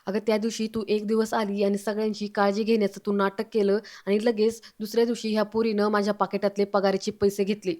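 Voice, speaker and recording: A woman retelling a TV serial episode, narrating and reading out every character's lines in a steady storytelling manner. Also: medium pitch, quick pace, few pauses. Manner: steady storytelling with quoted dialogue.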